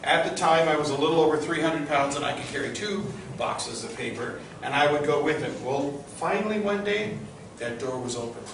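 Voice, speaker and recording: A middle-aged man with a fairly high voice leads a campus tour as an informal storyteller. He talks conversationally and checks in with his listeners through questions. He sounds far from the microphone in a very reverberant, noisy space. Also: animated, brisk, gravelly, hardly any pauses. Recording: distant, very echoey, noisy group-tour recording.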